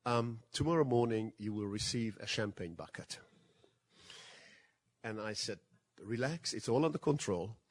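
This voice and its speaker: A man's voice: on the low side, expressive, moderate pace, pauses often. An older man from Hungary giving a lecture, telling stories in a dry, self-deprecating way. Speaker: guest speaker. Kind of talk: anecdotal lecture. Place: museum lecture hall.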